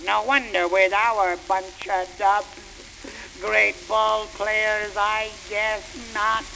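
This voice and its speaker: Excitable young male ballpark fan, put on by a woman, old-time slang, bright tone, faint noise behind. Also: medium pitch, drawn-out words, gravelly, full character voice, poor audio. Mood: grumbling. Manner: old-time slangy dialect, shouting at the field. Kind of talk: comic poem recitation.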